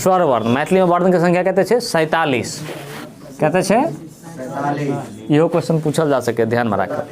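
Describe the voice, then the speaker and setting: Male teacher with a Maithili accent, slightly high voice, patient step-by-step grammar lesson. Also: normal speed, long pauses, a crowd in the background. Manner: explains step by step, asking and answering his own questions. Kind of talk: grammar lesson for school students.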